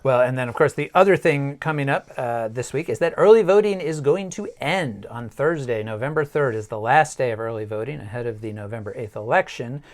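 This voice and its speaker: A man's voice: medium pitch, animated, brisk, few pauses. A middle-aged man co-hosting a local news podcast, chatting casually with wry asides. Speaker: podcast co-host.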